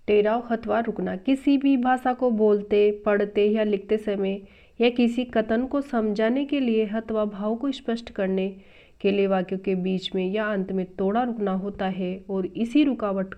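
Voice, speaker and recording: A woman at a middle pitch walks through a grammar lesson from a textbook, saying each term twice and explaining it patiently. The sound is muffled and lo-fi. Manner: patient step-by-step explaining, repeating terms. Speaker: Hindi grammar teacher. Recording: dull lo-fi recording.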